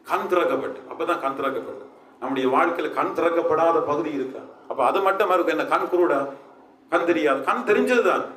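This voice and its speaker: A man's voice: a little high, a bit bright, reverberant, far from the mic, a little hiss or hum. A man preaching a sermon as pastor, with emphatic, repetitive calls that rise in force.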